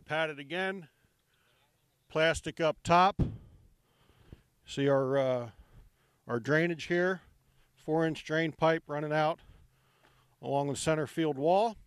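A middle-aged man leads a relaxed walking tour of an outdoor construction site, talking into a handheld microphone with plenty of "ums." His voice is a little high and smooth, and the recording is dry.

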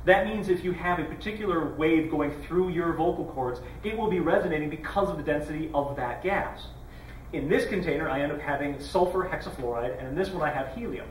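A man's voice: fairly high pitch, brisk, a little hiss or hum. A man explaining a chemistry demonstration in a casual, explanatory way, recorded from a distance with a roomy echo. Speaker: science demonstrator. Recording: roomy echo, mic far off.

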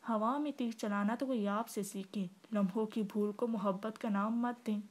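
A woman reading the lines of a proud young husband who answers in a sharp, clipped way in a novel. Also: medium pitch, steady tone, moderate pace, lightly acted. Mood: curt.

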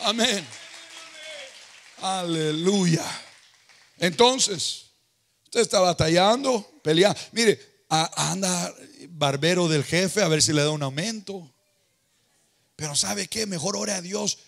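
A man preaching a sermon as pastor, impassioned, rising into chanted, shouted peaks. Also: sits high, slow, creaky, long pauses.

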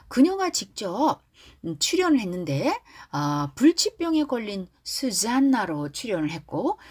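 A woman teaching English through a pop song, first explaining its background and then drilling each lyric line slowly. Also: medium pitch, darkish tone, slightly rough.

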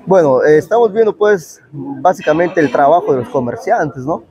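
Speaking at a moderate pace, this Peruvian-accented town councillor in his thirties gives an animated interview answer for the news. His pitch is fairly high and his tone mellow, captured on a clip-on lapel microphone inside a covered market.

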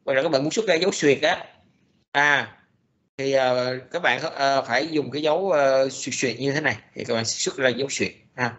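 A man giving a recorded programming lecture, speaking haltingly with many fillers and restarts. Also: medium pitch, fairly bright tone.

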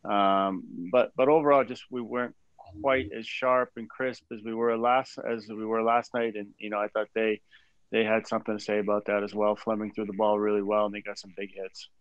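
A man in his forties, a head baseball coach, answering press questions after a game in a measured way with many fillers and restarts, over a video call from a small room. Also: on the low side, flat delivery, clean tone, no room sound. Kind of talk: postgame press conference. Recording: dull dry video call audio.

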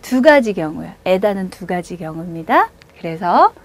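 A woman teaching a language lesson, giving slow, drawn-out model pronunciations and patient explanations. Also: lowish voice, very animated. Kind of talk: classroom lecture.

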